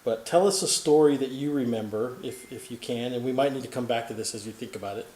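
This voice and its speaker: A man's voice: mid-range voice, fast, a little mellow, echoey room, low-quality recording. Chatty man interviewing his grandmother. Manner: chatty, joking, rambling questions. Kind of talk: casual family interview.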